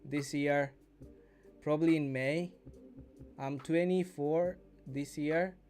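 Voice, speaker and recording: Soft music plays behind a man in his twenties as he hosts a casual live stream as a day trading mentor. His voice is a little high and darkish, with fairly even intonation and a slow pace, and he teaches and chats by repeating and rephrasing.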